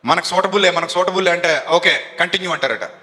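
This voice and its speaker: A man with a high, bright, forceful voice preaches to a live congregation, throwing questions at them and waiting for replies. The sound rings with long echo from a church hall. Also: fast talker. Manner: fires questions at the congregation and has them answer. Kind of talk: sermon. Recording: echoey hall reverb.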